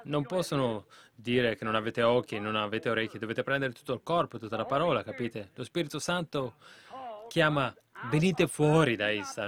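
Man, preacher, fervent sermon, emphatic exhortations, mid-pitched voice. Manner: fervent, builds to loud exhortations.

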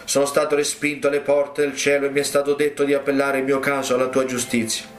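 A man's voice: medium pitch, completely flat delivery, fast, faint music behind, natural voice. A male preacher quoting an evangelist who earnestly pleads his case before God. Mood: pleading. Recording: roomy echo.

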